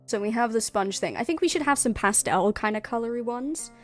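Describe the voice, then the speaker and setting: A woman's voice: on the high side, expressive, brisk, soft background music. A woman co-hosting a worldbuilding stream, chatting casually, giggling and thinking aloud with many restarts. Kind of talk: casual brainstorming chat.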